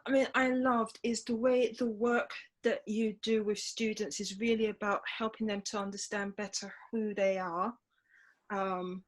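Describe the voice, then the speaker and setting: Woman hosting an online panel. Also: medium pitch. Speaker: host. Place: home, online video call.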